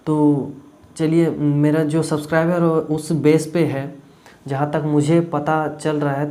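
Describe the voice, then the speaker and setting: Speaking to camera in a casual vlog, a young man from Jharkhand, India, recounts an audition, wandering off track and using lots of fillers. His voice is a little high and warm-toned.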